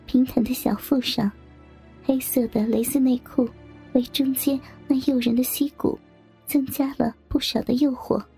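A woman narrating a first-person audio story in a soft, intimate way over faint background music. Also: high-pitched, steady tone, moderate pace, gravelly.

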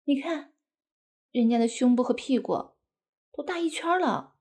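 A woman playing a coquettish, doting young wife in an intimate audio role-play, cutesy, pouty and wheedling, with a breathy voice. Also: a little high, warm tone. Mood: pouty, coy.

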